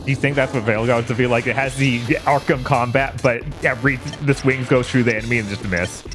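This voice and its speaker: A man's voice: medium pitch, fairly even intonation, quick pace, over music. Man co-hosting a casual game stream. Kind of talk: casual gaming banter.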